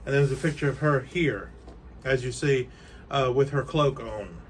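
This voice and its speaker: A man's voice: mid-range voice, normal speed, noisy background. A man hosting a casual unboxing video from a room of collectibles, chatting and rambling with frequent fillers. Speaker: toy collector host.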